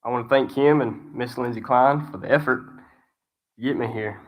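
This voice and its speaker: A man's voice: mid-range voice, normal speed. A young man from Alabama with a Southern accent, giving a folksy, self-deprecating graduation speech at a ceremony. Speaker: student graduation speaker. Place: ceremony hall.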